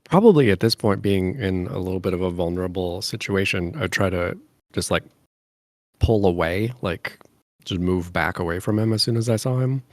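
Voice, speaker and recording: A man's voice: sits low, normal speed, no room sound, clean studio sound. A man playing a tabletop role-playing game, describing his moves casually and hesitantly as he thinks aloud.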